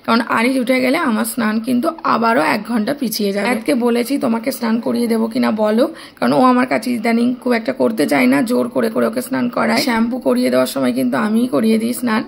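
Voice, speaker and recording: A woman's voice: fairly high pitch, flat delivery, very fast, vocal fry, breathy edge. A young woman with a Bengali accent, a mother of two, chatting casually to her viewers in a home vlog. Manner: chatty, speaks softly at times so the baby stays asleep.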